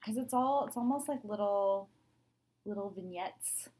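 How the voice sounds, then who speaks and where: A woman's voice: medium pitch, a little slow, breathy edge. A woman co-hosting a book podcast in casual chat, upbeat and agreeable. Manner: upbeat, agreeable, lively intonation. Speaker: podcast co-host; writer.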